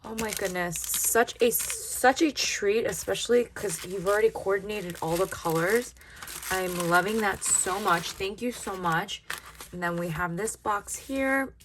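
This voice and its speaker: A woman's voice: mid-range voice, normal speed, background noise. A woman giving casual unboxing commentary in a gushing, grateful manner, drawing out her exclamations. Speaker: craft vlogger unboxing happy mail.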